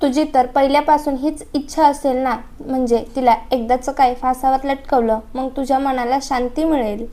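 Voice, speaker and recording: Bitter accusing young guy defending his wife, read by a woman, high voice. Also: steady tone, moderate pace, few pauses, warm tone, close to an everyday voice. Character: angry young man defending jailed wife.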